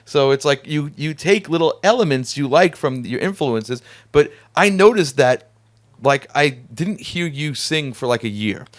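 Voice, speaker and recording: Man, podcast host, casual chat, talkative, animated, laughs often, studio. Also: a little high, a little slow.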